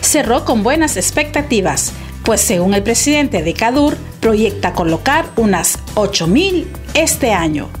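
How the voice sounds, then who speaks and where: A woman's voice: on the high side, unhurried, faint music behind. Woman reading news narration. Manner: even reportorial delivery. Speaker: news reporter.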